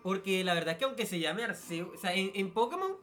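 A man's voice: high-pitched, very animated, fairly quick, fairly bright tone. A young man co-hosting a casual podcast, talking loosely with slang and trailing asides. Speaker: podcast co-host. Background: faint background music.

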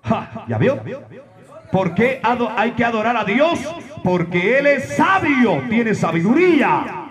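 A man preaching a sermon to a congregation, emphatic, firing off rhetorical questions and breaking into shouts. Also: very high voice, expressive, slow pace, faint music behind. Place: church service with a congregation. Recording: live church recording with congregation noise.

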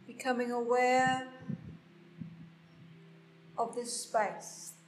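A woman guiding a slow meditation in a soft, hushed, unhurried voice with long pauses. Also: fairly high pitch, flat delivery, a little hiss or hum. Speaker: podcast host and meditation guide. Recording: roomy, echoing sound with faint music.

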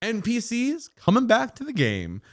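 Animated swearing man chatting games. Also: very high voice. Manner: animated, swearing, quick asides and acted-out quotes. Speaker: podcast co-host. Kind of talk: casual gaming chat.

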